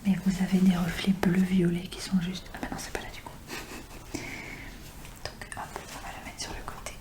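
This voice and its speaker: A woman doing informal, soft-spoken ASMR show and tell in a breathy whisper, close and intimate as if right in the ear. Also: on the low side, monotone, moderate pace. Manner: informal, chatty. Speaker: ASMR video creator.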